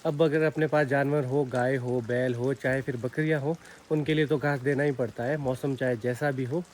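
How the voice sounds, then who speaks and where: A man's voice: medium pitch, steady tone, moderate pace, a little mellow. A young man chatting casually as he vlogs his rainy day in the hills and a car ride, easygoing and teasing. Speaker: vlogger. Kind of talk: casual vlog narration. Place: outdoors in hills and in a car, rain.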